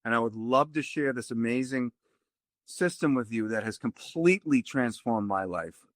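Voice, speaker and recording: A man with a Boston accent, a tai chi teacher speaking earnestly as a podcast guest and spelling out details slowly. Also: medium pitch, no echo.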